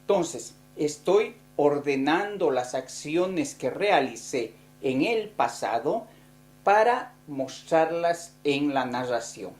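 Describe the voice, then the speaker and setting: A woman explains grammar in an unhurried, careful lesson voice. Her voice sits a little low for a woman, and she lingers on each word as she sounds out the forms one by one. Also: animated, darkish tone, faint music behind. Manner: slow, deliberate, spelling out verb forms. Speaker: Spanish teacher.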